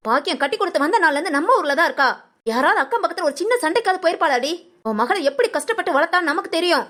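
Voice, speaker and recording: A woman's voice: extremely high pitch, a bit bright. A woman voicing an outspoken, righteous village woman in a cartoon drama, scolding her neighbours. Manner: scolding, rapid-fire.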